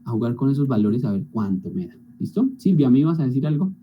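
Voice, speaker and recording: A man's voice: mid-range voice, sing-song, quick pace, husky, highs cut off. A male teacher walking students through spreadsheet calculations in an online class, often checking in with them. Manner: talks through spreadsheet steps, frequent checking tags.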